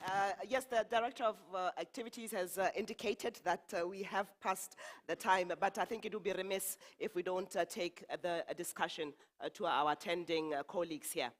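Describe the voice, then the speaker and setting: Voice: medium pitch, fairly even intonation, fairly quick, hardly any pauses. A moderator chairing a conference panel and opening the floor to questions in a polite, hesitant way. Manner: polite, hesitant, many fillers.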